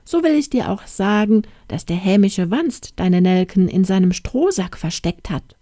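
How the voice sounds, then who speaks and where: A woman's voice: mid-range voice, sing-song, unhurried, dark tone, dry recording, studio quality. A woman voicing a pitiful talking cabbage head in a storybook reading, with a plaintive, whiny delivery.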